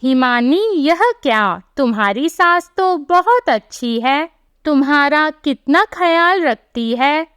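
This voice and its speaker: A woman's voice: sits high, animated, takes it slowly, fairly bright tone, no room sound, studio quality, exaggerated voice. A woman doing a friendly young girlfriend.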